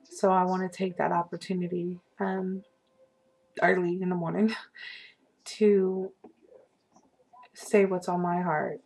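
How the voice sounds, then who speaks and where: A woman's voice: fairly low pitch, level tone, slow pace, vocal fry, long pauses, darkish tone. A young woman fan speaking a hesitant, emotional message with many fillers, then reading her own poem aloud.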